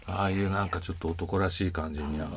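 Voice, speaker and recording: A man's voice: low-pitched, steady tone, fast, noisy background. A man chatting casually, making dry jokes. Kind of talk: casual chat.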